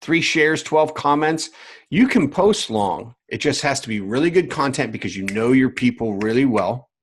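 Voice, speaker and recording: A man coaching other coaches in a live online lesson, speaking at a plain middle pitch. He leans on emphatic repetition and keeps checking that his viewers follow along. He sounds like he is talking into a computer mic at home. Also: lively intonation, moderate pace, breathy edge. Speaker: business coach.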